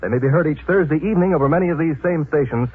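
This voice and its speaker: A man's voice: on the high side, rapid-fire, slightly rough. An American man reading scripted 1940s radio advertising as a folksy hard-sell announcer. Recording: muffled, narrow-band old radio broadcast.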